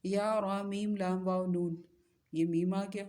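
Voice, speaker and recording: A woman teaching a recitation lesson, patiently asking questions and answering them, and spelling letters out slowly. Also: medium pitch, steady tone, warm tone.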